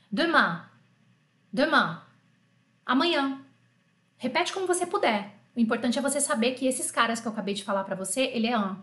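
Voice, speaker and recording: A woman's voice: a little high, roomy sound. A woman with a Brazilian Portuguese accent teaching a live French lesson, chatty and joking, talking straight to her learners. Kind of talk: live online language lesson.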